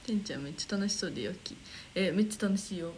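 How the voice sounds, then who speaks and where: A woman's voice: mid-range voice, very fast, a little mellow, a little hiss or hum, rough recording. A young woman with a Kansai accent chatting casually on a livestream, reading viewer comments aloud, giggling often and muttering to herself while she searches for the next one. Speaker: idol livestream host.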